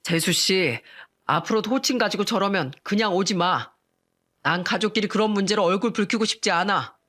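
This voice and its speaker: A woman's voice: mid-range voice, moderate pace, fairly bright tone, lightly acted. Woman voicing a stern, protective husband. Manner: firm, stern. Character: firm protective older husband.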